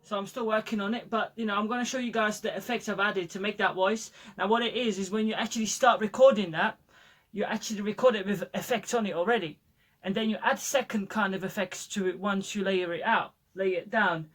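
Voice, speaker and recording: A man runs a casual, step-by-step software tutorial on music production from his home studio, speaking loosely into a studio microphone feeding a recording channel. His voice is high and fairly bright, with no echo. He sprinkles in plenty of "you know" and "like."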